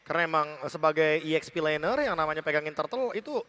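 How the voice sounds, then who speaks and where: A man's voice: fairly high pitch, expressive, fast, pushed and bright, slight background noise. An Indonesian man working as an esports analyst caster, giving conversational live game analysis.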